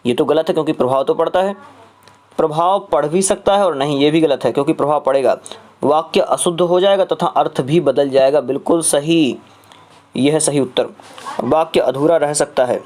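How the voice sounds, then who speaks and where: A man teaching an exam prep lesson with a voice pitched a little above the usual for a man. He walks through each question step by step and repeats it back. He hesitates on drawn-out filler sounds between phrases. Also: a little mellow.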